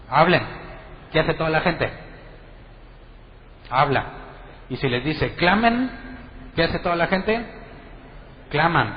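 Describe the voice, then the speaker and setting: A man's voice: medium pitch, in a large hall, muffled recording, a little hiss or hum. A man preaching a sermon to a congregation in a conversational way, asking them questions and acting out what others say. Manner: conversational, asks the congregation questions, acts out quotes. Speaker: pastor.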